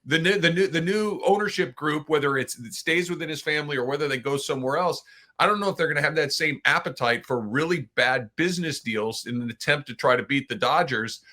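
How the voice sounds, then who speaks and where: A middle-aged man with a bright, forceful voice co-hosting a sports podcast. He talks in an opinionated, animated way and often slips into quoted asides. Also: fairly high pitch, brisk. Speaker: podcast co-host.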